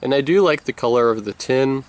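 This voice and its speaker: A man's voice: mid-range voice, fairly quick. A man giving a casual, rambling review as he talks with a wad of chewing tobacco in his mouth. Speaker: product reviewer. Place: outdoors. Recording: noisy outdoor recording, people and traffic behind. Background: loud people nearby, vehicle noise.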